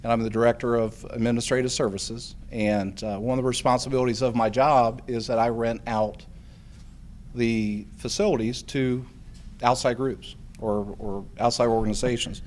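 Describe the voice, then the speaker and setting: A middle-aged man gives an acceptance speech. He rambles in a folksy way and keeps restarting his sentences, with plenty of fillers. His voice sits at an ordinary pitch for a man. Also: steady tone, moderate pace, darkish tone. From Hamilton, Ohio. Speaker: hall of fame inductee.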